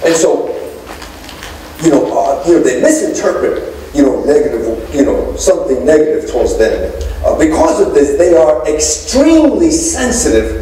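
Middle-aged man, pastor, sermon, pitched a bit high, very roomy reverb, faint hiss. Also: sing-song, normal speed, dark tone. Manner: preacher calling out to the congregation, gesturing. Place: church sanctuary with congregation. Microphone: pulpit microphone, filmed from far back. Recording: echoey church from a distance.

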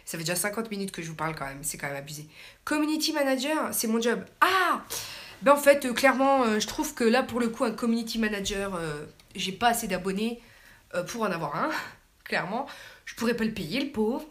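A woman hosting a casual live stream, chatting warmly and hesitantly with many fillers as she answers viewers' comments. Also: medium pitch, lively intonation, brisk. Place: home, at night.

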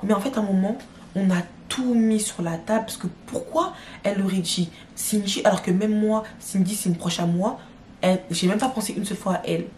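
A woman's voice: medium pitch, fairly quick, slight background noise. Young woman telling a story, echoey room. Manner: slangy, addresses viewers directly, animated retelling. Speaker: storytelling vlogger. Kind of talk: casual storytime. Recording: roomy echo.

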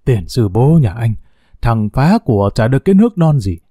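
A harsh, contemptuous middle-aged mother, put on by a man reading a story aloud, scolding. The voice is dark and mellow. The recording is close and dry. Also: medium pitch, big pitch swings, normal speed, slightly rough, no room sound.

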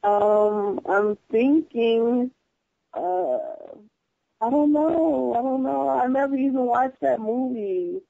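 A woman's voice: fairly high pitch, lively intonation, slow, gravelly, no echo. A woman chatting casually on the phone as a contestant. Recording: dull lo-fi phone call.

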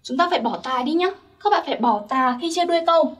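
High-voiced young woman teaching grammar. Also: animated, fast talker, recorded from a distance. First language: Vietnamese. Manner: patient, checks in with listeners often. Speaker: Korean language teacher. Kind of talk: explaining grammar step by step.

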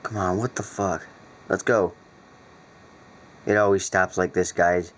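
Recorded behind a handheld camera at a computer in a dark room, a weather radio alert hobbyist grumbles casual, profanity-laced commentary to his viewers. His voice is low, steady, a bit bright and a little slow. The sound is muffled and lo-fi, with noise.

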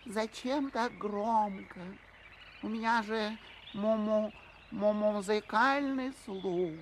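A woman voicing a huge, dreamy, music-loving cow in a children's audio story, drawn-out and affected, with moos. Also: medium pitch, slight background noise, lightly acted. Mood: dignified, wounded. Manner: slow, drawn-out, affected, mooing.

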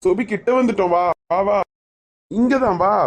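A woman with a Kanyakumari Tamil accent playing a timid, soft-hearted young man who speaks gently and coaxingly. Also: mid-range voice, moderate pace, noisy background, pitched below the performer's own voice, close to an everyday voice.

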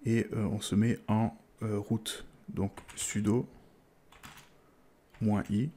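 A man's voice: on the low side, level tone, takes it slowly, dark tone. A man with a French accent explaining a tech install in a casual tutorial, hesitant, with many fillers and restarts. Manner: hesitant, many "euh" fillers and repeated words. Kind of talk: casual screen-recorded tutorial.

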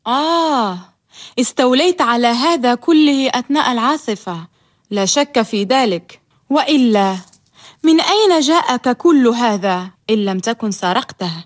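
A woman's voice: fairly high pitch, lively intonation, normal speed, close to an everyday voice. An actress playing a proud, teasing young orphan woman in a radio drama, with a theatrical, haughty delivery. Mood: astonished suspicion. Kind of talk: radio drama acting in formal Arabic.

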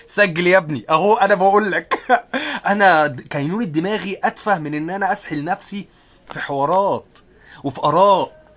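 Sick but still streaming, a young man with an Egyptian accent answers viewer comments he reads aloud with jokes at his own expense, laughing frequently between occasional coughs. His high-pitched voice is fairly quick and fairly bright.

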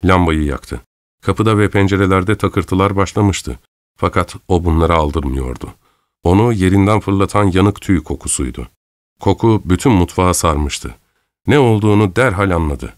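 A man reading an audiobook aloud in measured, dramatic scripted narration. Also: low voice, no echo. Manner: measured, dramatic storytelling, voicing characters' lines lightly.

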